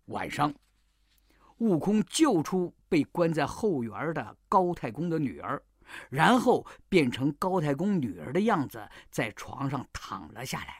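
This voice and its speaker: A storyteller narrating a classic tale for children, expressive and full of sound effects. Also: mid-range voice, measured pace, husky, no echo, clean studio sound.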